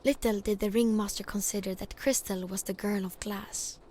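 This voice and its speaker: A woman's voice: mid-range voice, steady tone, moderate pace, warm tone, close to an everyday voice. A woman giving scripted storybook narration in a game.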